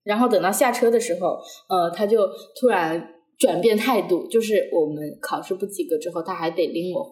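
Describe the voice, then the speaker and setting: A young woman chatting as a podcast host, telling a personal story in an animated way with frequent laughter and acted-out quotes. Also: lowish voice, fairly quick. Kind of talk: casual storytelling chat. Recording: echoey room.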